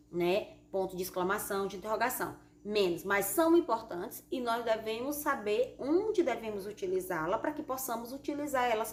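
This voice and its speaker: A fairly high-voiced Brazilian woman teaching a primary school class from an echoey room with a faint hiss behind her. She explains patiently and acts out each example sentence with lively, exaggerated intonation. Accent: Brazilian Portuguese. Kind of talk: recorded remote class lesson.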